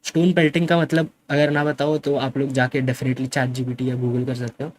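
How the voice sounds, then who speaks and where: A man's voice: medium pitch, little pitch movement, moderate pace, a little mellow, a little hiss or hum. A man defensively telling his side of a story in a casual vlog, often repeating himself and switching into English. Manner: defensive, insistent, mixes English into his speech. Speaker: gaming streamer.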